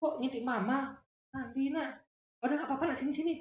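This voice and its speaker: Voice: high-pitched, a little fast, a little hiss or hum, voice pushed up, lightly acted. A speaker putting on the voice of an overly lenient mother who coaxes and forgives her child. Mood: coaxing. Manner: soft, coaxing, forgiving. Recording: roomy echo.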